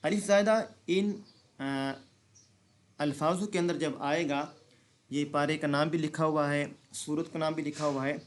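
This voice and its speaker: Slow, patient male recitation teacher. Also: fairly high pitch, little pitch movement. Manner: explains rules then recites words slowly and drawn out; asks and answers his own questions. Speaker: Quran reading teacher.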